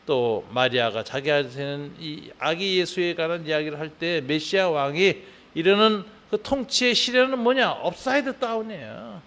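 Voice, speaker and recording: A Korean pastor preaching at an early morning service, talking conversationally with frequent tag questions and rising into fervent emphasis, then leading prayer. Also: male voice, on the high side, expressive, moderate pace, fairly bright tone.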